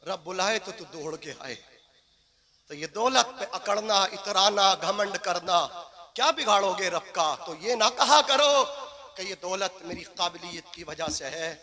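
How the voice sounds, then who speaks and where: A man preaching a fiery sermon, shouting his lines in a sing-song cadence, with a crowd and music behind him. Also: high voice, lively intonation, unhurried.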